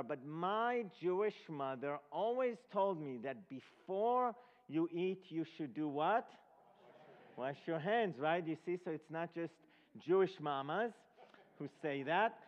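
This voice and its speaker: A male guest preacher from Israel, higher-voiced with lively intonation, leads a Passover presentation as a sermon of ceremonial teaching to a congregation. He speaks haltingly and asks listeners check questions. It's a dull lo-fi recording made before an audience in a large, reverberant hall.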